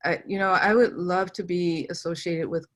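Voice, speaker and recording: A woman panelist answering thoughtfully with many pauses and fillers. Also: fairly low pitch, fairly even intonation, fairly bright tone. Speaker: panelist, tech engineering director. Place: Los Angeles area.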